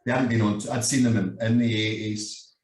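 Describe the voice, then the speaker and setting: A man's voice: lowish voice, fairly even intonation, fairly quick, darkish tone, distant mic. A Scottish man in his fifties with a Glasgow accent, telling a story as a guest in a casual, sweary chat and laughing often. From Scotland. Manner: sweary, laughs often, keeps saying "you know what I mean". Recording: roomy sound from away from the mic.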